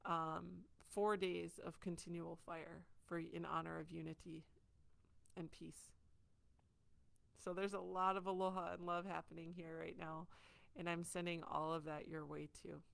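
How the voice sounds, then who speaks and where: A woman from Hawaii, a community healer, giving an informal talk with gentle, unhurried speech and frequent ums, holding a microphone indoors. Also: lowish voice, level tone, vocal fry. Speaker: community healer teaching culture. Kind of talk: warm informal teaching talk. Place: indoors at a wellness center. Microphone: handheld microphone.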